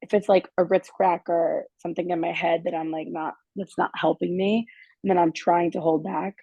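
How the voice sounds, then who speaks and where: Hoarse woman with a gravelly, husky voice. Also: lowish voice, flat delivery, normal speed, mellow, no echo, muffled recording. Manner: earnest, confessional, many fillers. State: hoarse, has lost her voice. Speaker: community member sharing on a group call. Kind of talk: casual sharing in a group video call.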